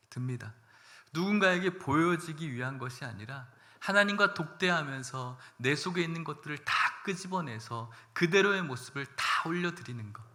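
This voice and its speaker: A male pastor delivering a Sunday sermon with a bright, forceful voice. He moves between reading scripture aloud and speaking with rising emotion. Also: mid-range voice.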